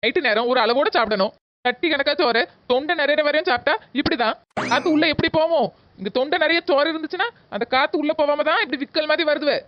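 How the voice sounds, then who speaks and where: A woman's voice: high-pitched, fast, no echo, natural voice. A woman voicing a grumpy, sarcastic daughter-in-law in a comedy cartoon, grumbling with a southern Tamil Nadu accent, in dull lo-fi audio. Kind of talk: comedy skit voice acting.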